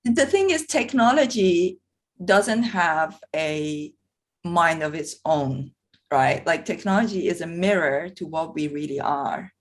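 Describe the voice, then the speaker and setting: Woman, forties, low voice, podcast host, earnest, reflective, thinking aloud. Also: slow. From Iran. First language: Persian. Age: 40s. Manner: earnest, personal, thinks aloud with many fillers. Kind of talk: reflective conversation.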